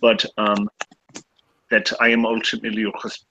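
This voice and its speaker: A man's voice: lowish voice, monotone, normal speed, pushed and bright, slight background noise, low-quality recording. A man voicing a polite, modest male linguist in an improvised tabletop role-play, with an attempted French accent, hesitant and full of fillers. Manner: hesitant, many fillers, slips into other accents.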